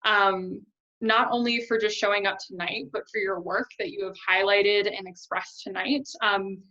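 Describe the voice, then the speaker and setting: Flat-voiced woman host on a muffled call. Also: mid-range voice, moderate pace. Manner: grateful, repetitive, steady. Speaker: ceremony co-host. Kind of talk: closing thank-you remarks. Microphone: video call. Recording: dull lo-fi video call audio.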